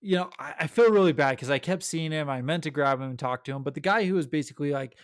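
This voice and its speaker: Enthusiastic podcast co-host, a man with a slightly high voice, dry close-miked sound. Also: fast talker, clear, resonant tone, no room sound. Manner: enthusiastic, animated storytelling. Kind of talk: casual chat.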